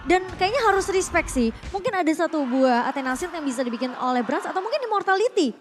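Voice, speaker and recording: Komentator esports wanita bernada sangat tinggi, cepat. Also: female voice, extremely high pitch, animated, quick pace, faint music behind. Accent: Indonesian. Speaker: esports analyst co-commentator. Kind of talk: live game analysis commentary.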